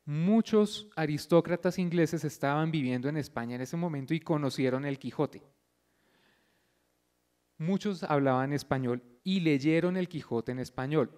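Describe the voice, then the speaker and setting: A man with a fairly high voice gives a didactic talk, stopping now and then to ask if his listeners follow. He thinks aloud with small fillers and restarts as he explains. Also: a little mellow. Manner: didactic, checks in often with a questioning "yes?". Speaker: lecturer at a pre-concert talk. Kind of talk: explanatory lecture.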